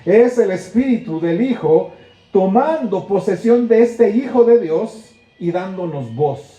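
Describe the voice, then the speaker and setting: High-voiced Mexican preacher in echoey church. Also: male voice, lively intonation, unhurried, warm tone, dull audio, soft background music. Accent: Mexican Spanish. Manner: earnest, rhetorical questions, acts out prayers with rising emotion. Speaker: pastor. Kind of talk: sermon.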